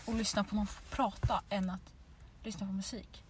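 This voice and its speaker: A woman's voice: mid-range voice, flat delivery, darkish tone, recorded from a distance, a little hiss or hum. An eighteen-year-old woman from Sweden co-hosting a podcast in giggly, rambling casual chat. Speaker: podcast co-host.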